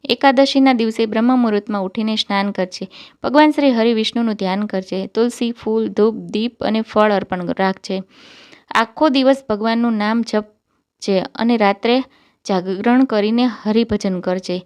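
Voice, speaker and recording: A woman voicing a compassionate old male sage who gently gives instructions in a devotional storybook tale. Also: on the high side, moderate pace, clear, resonant tone, close to an everyday voice. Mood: instructive.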